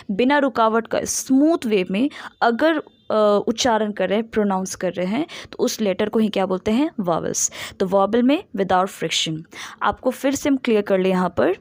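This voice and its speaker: A woman teaching English grammar in a classroom-style lesson, mixing Hindi and English and repeating key terms slowly with rhetorical questions. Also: fairly high pitch, vocal fry, no room sound.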